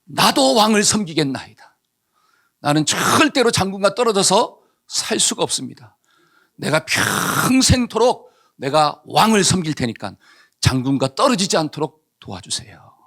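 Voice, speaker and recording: A man's voice: high-pitched, very animated, normal speed, vocal fry, fairly bright tone, pitched above the performer's own voice, heavily acted. A male pastor voicing a devoted wife pleading with a king, in a pleading manner, within a sermon story.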